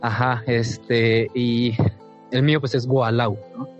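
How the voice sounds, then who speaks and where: A man's voice: mid-range voice, little pitch movement, takes it slowly, dull audio, faint music behind. A man from Michoacán with a Mexico City accent, co-hosting a gaming podcast in a slangy, laid-back way. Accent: Mexico City Spanish. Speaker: podcast co-host. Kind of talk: casual gaming chat.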